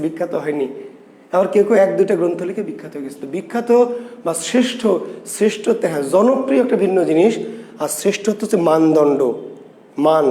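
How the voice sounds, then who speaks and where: A man with a fairly high but mellow voice, teaching a literature class in an echoey classroom. He asks questions and answers them himself, and he repeats the key terms. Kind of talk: classroom lecture.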